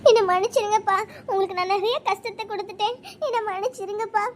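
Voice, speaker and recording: Brief: cartoon bride, very high thin voice, earnest and tearful, a woman voices her, faint hiss. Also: fairly even intonation, quick pace. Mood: pleading. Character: emotional young bride.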